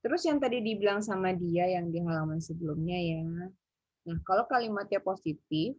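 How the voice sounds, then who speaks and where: An English tutor gives an online lesson over a video call, often hesitating and thinking aloud with plenty of fillers. Her lowish, slightly mellow voice is expressive and brisk, and the dry recording has muffled video call audio.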